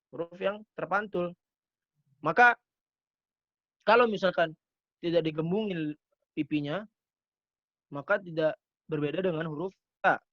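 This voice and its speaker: High-voiced man teaching letter sounds. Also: fairly bright tone, no echo, lo-fi sound. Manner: demonstrates letter sounds in short repeated syllables. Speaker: Quran recitation teacher. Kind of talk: online tajwid lesson. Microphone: computer mic on a video call.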